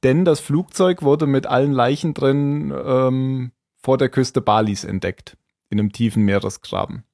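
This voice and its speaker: A man's voice: medium pitch, a little slow, creaky, a little mellow, no room sound, studio quality. A man hosting a podcast, casually recapping an episode in a conversational way. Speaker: podcast host.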